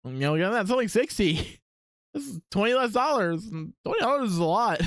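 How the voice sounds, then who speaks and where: A man's voice: high voice, very animated, a little fast, a bit bright, no echo. A man streaming live while he works on art, talking casually and rambling as he thinks aloud, with lots of ums and likes.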